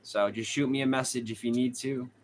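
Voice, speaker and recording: Streaming casually from a hot room at home, a young Boston-accented true crime host chats with viewers and reads their comments aloud, laughing often. His medium-pitched voice holds a steady tone at a slightly fast pace, with a little hiss or hum audible.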